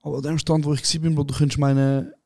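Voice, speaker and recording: Ein Podcast-Host aus der Schweiz mit Schweizerdeutschem Einschlag und heller Stimme redet lebhaft und schnell und spielt Szenen mit lauten Rufen nach. Die Aufnahme ist trocken und ohne Raumhall. Der Ton ist locker und kumpelhaft. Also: male voice, on the high side, fast talker, creaky, dry recording, studio quality. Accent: Swiss German. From Switzerland. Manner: excited anecdote telling, acting out other people with shouts, calls the other host "Bro". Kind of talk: casual chat, animated storytelling.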